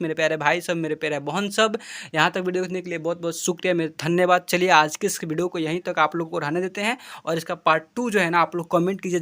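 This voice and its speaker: Man spelling words aloud in a lesson. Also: sits high. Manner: spells words letter by letter, then says them slowly; repetitive and self-correcting, addresses viewers warmly. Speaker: English pronunciation teacher. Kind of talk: informal video lesson.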